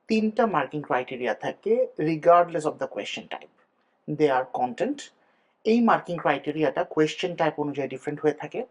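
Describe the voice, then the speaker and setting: Slow-talking male tutor. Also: on the high side. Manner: explains step by step, spells out words letter by letter. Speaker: exam prep tutor. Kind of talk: teaching lesson mixing Bengali and English.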